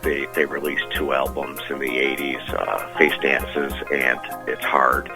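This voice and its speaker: A man, a guest co-host chatting casually and pausing often with "uh". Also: very deep voice, steady tone, vocal fry, music in the background, rough recording. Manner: halting, many "uh" pauses. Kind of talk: casual interview chat.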